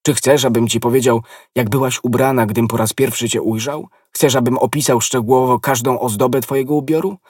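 A man's voice: mid-range voice, fairly even intonation, brisk, hardly any pauses, breathy edge, no room sound, clean studio sound, far from the mic, pitched above the performer's own voice, lightly acted. A man reading an ardent lovesick nobleman. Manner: passionate, impassioned declarations. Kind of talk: audiobook character reading.

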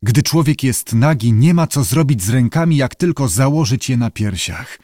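A man reading an audiobook in measured, even storytelling narration. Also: mid-range voice, no room sound, studio quality.

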